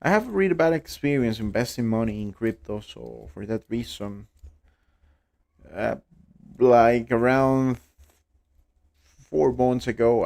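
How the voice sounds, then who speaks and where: A young Costa Rican man who speaks Spanish natively, hosting a live trading stream in halting English, with many repeated words and restarts. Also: mid-range voice, vocal fry, a little mellow. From Costa Rica. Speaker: livestream trading host. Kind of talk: casual live-stream chat.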